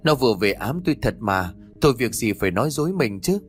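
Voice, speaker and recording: A man voicing a sharp-tongued village woman who is frightened, speaking in a shrill, pleading way. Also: very animated, quick pace, faint music behind, close to an everyday voice. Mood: snappish.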